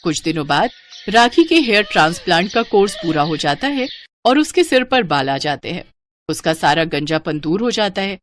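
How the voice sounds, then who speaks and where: A woman narrating a moral cartoon story in an even, clear way. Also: on the low side, moderate pace, slight background noise.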